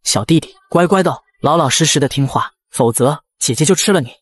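A man's voice: fairly high pitch, lively intonation, a little fast, dry recording, clean studio sound. A man voicing a coy, taunting young female ghost who teases her prey in a comic storybook tale. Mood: smug. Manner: coy, taunting, playfully menacing.

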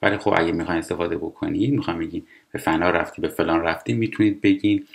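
Low-voiced man teaching English. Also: fairly even intonation, vocal fry. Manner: explanatory, reads English lines slowly and carefully. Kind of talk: language lesson explaining TV dialogue.

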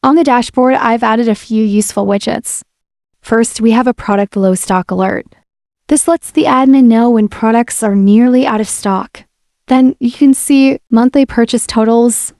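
This software demo presenter, a woman with a fairly high pitch, walks through an app in a casual, friendly voice-over, explaining each step in a relaxed way. It's a screen-recorded walkthrough captured on a voice-over mic, with studio quality and no echo.

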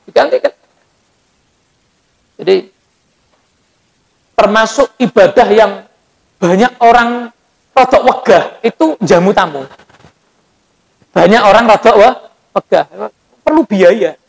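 A man's voice: high-pitched, gravelly, low-quality recording. A male preacher giving a sermon in a mosque, telling stories vividly and addressing his listeners directly.

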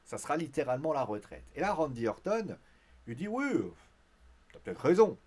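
A man hosting a wrestling recap show in casual spoken commentary, chatty and animated, with blunt slang and now and then a louder, higher voice when he acts out a quote. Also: brisk, husky.

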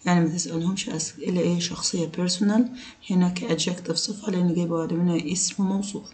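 A woman with an Egyptian Arabic accent, explaining English vocabulary exercises as a teacher, mixing Arabic and English and reading the English sentences slowly. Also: lowish voice, steady tone, a little mellow, poor audio. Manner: switches between Arabic and English, slow on English sentences.

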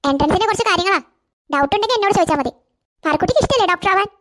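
A woman voicing a caring older girl in a cartoon who gently advises and reassures. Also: very high-pitched, expressive, racing. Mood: advising. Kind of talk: cartoon voice acting.

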